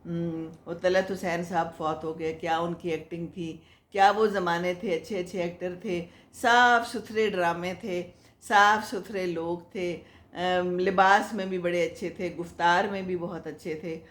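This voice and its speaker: A woman's voice: lowish voice, steady tone. An older woman hosting a casual advice talk, answering viewer comments in a chatty, motherly, moralizing way and laughing often. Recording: echoey room.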